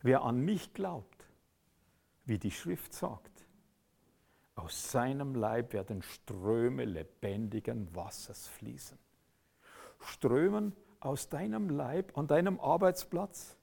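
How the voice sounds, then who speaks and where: A man preaching a sermon, emphatic, swinging from loud outbursts to quiet intensity. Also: fairly high pitch, vocal fry.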